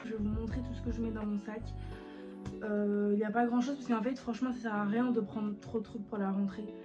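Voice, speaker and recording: A woman's voice: mid-range voice, flat delivery, a little fast. A woman, chatting casually as she vlogs. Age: late teens. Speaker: vlogger. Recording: muffled lo-fi sound, music behind.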